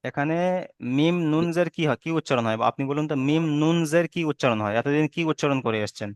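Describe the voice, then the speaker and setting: A man's voice: on the high side, fast, smooth, dry recording. A man teaching Quran recitation rules online, patiently repeating each rule and checking that students understand. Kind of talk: online tajweed lesson.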